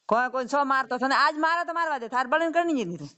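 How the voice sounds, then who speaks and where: A woman with a Rajasthani accent talks fast on a phone call, her high, bright voice forceful as she speaks casually and bluntly, often repeating herself. The audio is a dull, lo-fi telephone recording.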